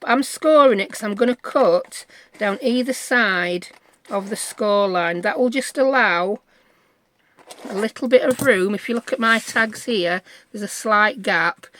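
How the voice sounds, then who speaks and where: British female craft presenter, medium pitch, informal step-by-step instruction, thinks aloud and checks the viewer is following. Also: measured pace, fairly bright tone. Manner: chatty, thinks aloud, checks with listeners using tag questions. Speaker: craft tutorial host. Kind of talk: casual step-by-step craft demonstration.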